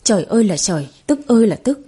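A woman voicing a spiteful, sharp-tongued middle-aged mother-in-law in a spoken story. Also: fairly high pitch, big pitch swings, fast, husky. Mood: scornful scolding.

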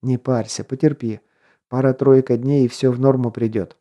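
A man's voice: medium pitch, steady tone, normal speed, dark tone, highs cut off, lightly acted. A man voicing Lafer, a jokey miner buddy. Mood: reassuring. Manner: jokey, casual slang, philosophizing. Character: easygoing joking male miner buddy, father of twins. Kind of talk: audiobook character voice.

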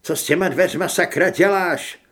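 A man voicing a nervous male hunter who pleads and tries to calm an armed man, in an audiobook. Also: a little high. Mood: placating. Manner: raised, pleading, placating.

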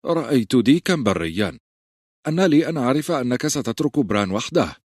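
A man's voice: medium pitch, very animated, brisk, darkish tone, dry recording, clean studio sound, voice pushed up. A man doing a smug, cocky archer. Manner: cocky, cheerful. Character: smug young male archer, cheerful and cocky.

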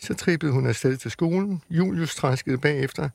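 A man reads a children's book aloud on the radio, telling the story in a lively way. His fairly high voice is gravelly and husky. The studio sound is dry and close. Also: no echo. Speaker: radio reader.

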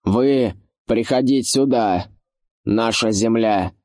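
A man voicing a menacing wild mountain orc who speaks slowly in halting, broken phrases, in an audiobook. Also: mid-range voice, a little mellow, close to an everyday voice. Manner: slow, halting, broken grammar.

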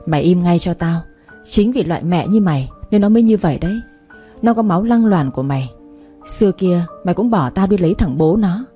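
A woman voicing a drunken, abusive older village man who shouts and curses. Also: lowish voice, lively intonation, fairly quick, soft background music, close to an everyday voice. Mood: raging. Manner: shouting, cursing.

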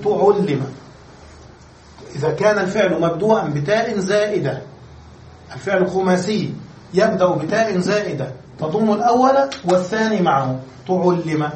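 A man gives a classroom grammar lecture, breaking each rule into steps and pausing to ask his students questions. His voice sits high. He is recorded from across an echoey room with faint ambient noise. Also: recorded from a distance. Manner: explains step by step, asks the class questions. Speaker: Arabic grammar teacher.

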